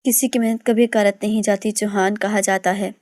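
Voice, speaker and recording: A woman voicing a playful, quick-witted male secret agent who teases his colleagues in mock-innocent banter. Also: medium pitch, fairly even intonation, darkish tone, dry recording, clean studio sound, close to an everyday voice. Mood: teasing.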